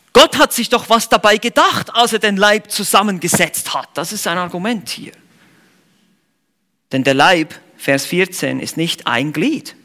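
Lively high-voiced German preacher. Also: male voice. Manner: earnest, emphatic, rhetorical questions to the congregation; explains Greek word meanings. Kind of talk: expository sermon.

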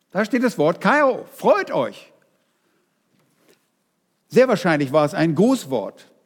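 German preacher in a reverberant hall. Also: male voice, fairly high pitch. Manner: lively, addresses the congregation directly. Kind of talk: sermon.

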